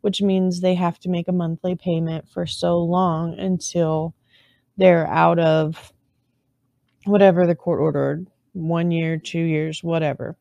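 A woman with a low, gravelly voice tells a true crime story in a loose, conversational way, breaking off for wry asides and correcting herself as she goes. Her tone is dark and mellow, and the recording is close and dry with no room sound. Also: flat delivery, a little slow, no room sound.

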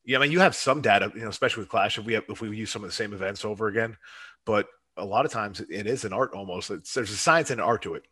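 Fast, husky, fired-up man. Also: on the low side, pushed and bright. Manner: fast, fired-up, preachy about his mission. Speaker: competition promoter. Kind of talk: casual chat.

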